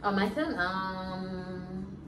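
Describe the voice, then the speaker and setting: A woman's voice: medium pitch, fairly even intonation, recorded from a distance. A young woman, a guest in a vlog, answering dares with sassy comebacks. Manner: sassy, laughing, quick comebacks. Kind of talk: casual chat during a drinking-game dare. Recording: echoey room, off-mic, loud background noise.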